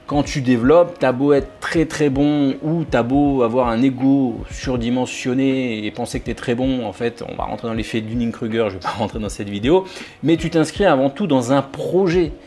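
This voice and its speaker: A man talks straight to his viewers like a colleague, loose and informal, tripping over his words and restarting his sentences. He sprinkles in dry, sarcastic jokes while he explains his developer habits, at a middle pitch. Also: moderate pace, darkish tone. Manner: informal, addresses viewer as "tu", frequent restarts and hesitations; jokey, sarcastic asides. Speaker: software developer explaining testing. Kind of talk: casual explainer vlog.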